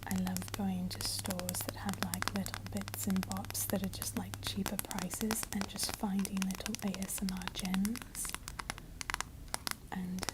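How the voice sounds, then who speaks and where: A woman's voice: medium pitch, little pitch movement, measured pace. Whispering ASMR woman with finger tapping. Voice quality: breathy, mostly unvoiced whisper. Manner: intimate casual rambling while tapping on items. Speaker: ASMR video creator. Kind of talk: whispered, soft-spoken ASMR. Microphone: close ASMR microphone. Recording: close noisy mic with tapping and clicks. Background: finger tapping and clicking on objects.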